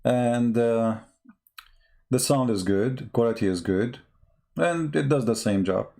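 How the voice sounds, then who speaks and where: Responding to chat during a casual livestream monologue, this religious polemicist speaks halting, non-native English in a blunt and combative way. His voice is gravelly yet mellow, medium in pitch, with an Arabic accent.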